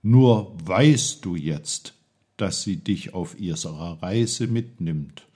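Kindly teasing storybook mentor, slow and mellow, read by a man. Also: deep voice, animated, breathy edge, heavily acted. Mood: patient. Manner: patient, explaining, teasing. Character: kindly playful wise male guide.

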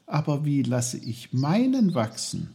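A man's voice: mid-range voice, very animated, unhurried, creaky, dark tone, slightly rough, pitched above the performer's own voice, full character voice. A man voicing a curious, eager boy who asks many questions.

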